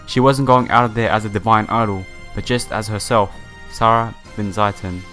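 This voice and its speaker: Over background game music, a male let's play host with a fairly low, steady, fairly bright voice talks at a moderate pace. His playthrough commentary is casual: he reads the story text aloud and addresses his viewers directly.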